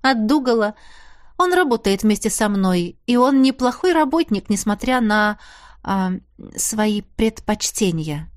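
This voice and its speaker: A woman voicing a lively young lawyer wife who talks brightly and teases. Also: mid-range voice, no room sound, studio quality, close to an everyday voice. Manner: bright, teasing, quick to exclaim.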